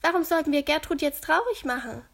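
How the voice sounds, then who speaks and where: A woman voicing an eager young girl detective who talks fast and excitedly. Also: high voice, gravelly, pitched above the performer's own voice, heavily acted.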